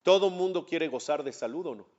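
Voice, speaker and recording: A man's voice: fairly high pitch, animated, fairly quick, a little mellow. A man, a rabbi giving a class, who asks his students rhetorical questions and answers them himself in a conversational way. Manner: conversational, addresses students directly. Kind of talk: religious class lecture. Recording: dull lo-fi class recording.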